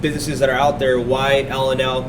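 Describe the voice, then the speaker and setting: A man hosting a casual interview podcast in a restaurant, speaking in a relaxed way with many fillers and restarts. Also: mid-range voice, brisk, recorded from a distance, noisy background. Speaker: podcast host. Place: restaurant dining room.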